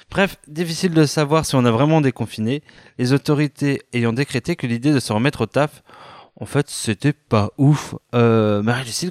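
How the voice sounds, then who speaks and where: A man's voice: mid-range voice, darkish tone, no room sound. A man hosting a comedy podcast, reading mock news in a mock-formal tone with hesitations, recorded close and dry. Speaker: podcast host.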